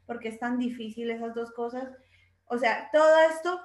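Woman cohosting, thoughtful, a bit high voice, echoey room. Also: normal speed. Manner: reflective, gives examples and talks through her own thinking. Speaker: podcast co-host. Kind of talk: casual conversation. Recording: roomy echo.

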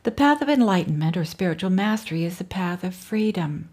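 A middle-aged woman reads her own memoir aloud in a low, slightly breathy voice. Her delivery is wry and dryly humorous, and she often drops into soft whispered asides. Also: expressive, fairly quick. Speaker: author reading her book. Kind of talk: reading a memoir excerpt aloud.

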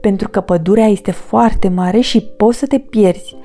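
A woman voicing a caring mother boar who gently urges her piglet to keep up. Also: medium pitch, soft background music, natural voice. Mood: urging.

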